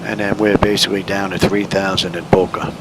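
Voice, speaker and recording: A man's voice: low-pitched, flat delivery, brisk. A man giving casual cockpit commentary as he plays the pilot in a flight simulator. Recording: clear cockpit engine noise behind voice.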